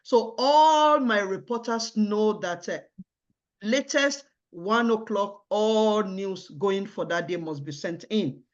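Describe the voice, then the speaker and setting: A woman's voice: medium pitch, animated, slow pace. A woman giving formal job interview answers in a hesitant way, repeating and restarting her words. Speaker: job candidate in a mock interview. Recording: dull, lo-fi audio.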